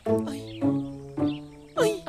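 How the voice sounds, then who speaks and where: An actress dubbing an emotional, high-strung young woman in a TV drama. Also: big pitch swings, creaky, full character voice. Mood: agitated. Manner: agitated, emotional. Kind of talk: dubbed TV drama. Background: music.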